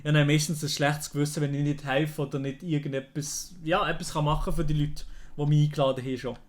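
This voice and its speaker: A man's voice: fairly high pitch, level tone, fast talker. A man with a Swiss German accent chatting casually on a livestream, exclamatory and dropping bits of English slang. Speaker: livestream host reacting.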